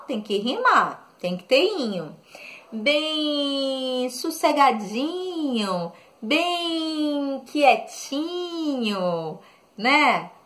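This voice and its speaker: Woman teacher, high-ish voice, slow and coaxing with children. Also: fairly bright tone. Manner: patient, coaxing, full of diminutives; keeps saying look and okay to children. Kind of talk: recorded lesson for children.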